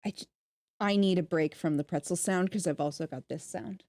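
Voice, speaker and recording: A woman co-hosting a live stream, trading quick teasing banter. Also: on the low side, no echo. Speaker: co-host streamer. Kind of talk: casual stream chat. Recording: loud electronic music behind.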